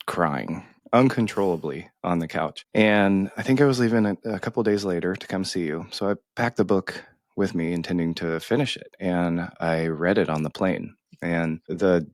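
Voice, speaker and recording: Deep-voiced man telling a heartfelt story. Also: dry recording, clean studio sound. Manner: halting, emotional, many restarts. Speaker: podcast co-host.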